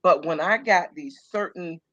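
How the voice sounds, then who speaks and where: A woman on a church panel who tells stories exuberantly, laughing and leaping up in pitch. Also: a little slow, fairly bright tone, no room sound. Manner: exuberant storyteller, laughs, big pitch leaps. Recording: dry, dull lo-fi sound.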